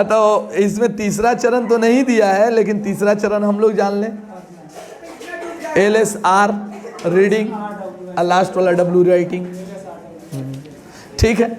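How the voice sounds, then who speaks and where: A man with a high voice leads an exam-prep lesson. He explains each point by asking questions and giving everyday examples. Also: darkish tone. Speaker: teacher.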